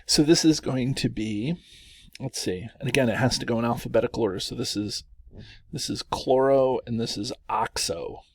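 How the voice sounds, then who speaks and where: A man's voice: mid-range voice, moderate pace, a little mellow, slightly rough, no room sound, studio quality. A man teaching chemistry through worked examples, chatty and self-correcting, chuckling at the long names.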